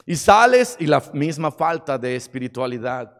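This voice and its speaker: A man preaching a sermon in a church, acting out scenes dramatically and swinging from shouts to quiet. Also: a little high, big pitch swings, moderate pace. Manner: dramatic, acts out stories, shifts from shouting to quiet. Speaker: pastor. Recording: long hall reverb.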